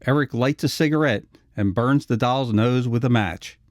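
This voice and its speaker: A man's voice: medium pitch, normal speed, no echo, studio quality. A man narrating a scripted retrospective video essay.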